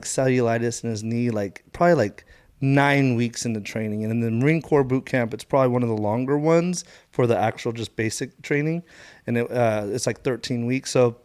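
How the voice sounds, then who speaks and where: A man's voice: medium pitch, a little mellow. A Marine veteran guest telling a story in casual, profane podcast talk, laughing as he goes. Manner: laid-back, profane, laughs through his story.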